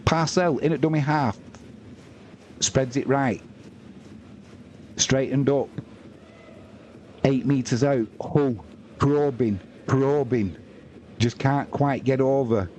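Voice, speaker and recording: On a sports livestream, a man gives informal, matey rugby league commentary, mixing play-by-play with chatty asides to viewers. His mid-range voice has a darkish tone, with a little hiss or hum in the recording.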